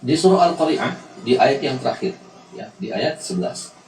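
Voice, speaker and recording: A man with an Indonesian accent teaching Quran recitation rules, patiently repeating each example slowly. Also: medium pitch, darkish tone. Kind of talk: tajwid lesson with slow recited examples. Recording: echoey room, mic at a distance, faint music.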